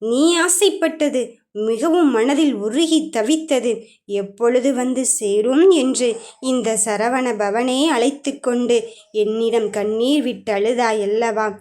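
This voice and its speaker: A woman's voice: a little high, slow pace, a little mellow. Murugan, a tender consoling god, as a woman speaks him. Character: the god Murugan as a loving, reassuring divine father. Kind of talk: devotional first-person message.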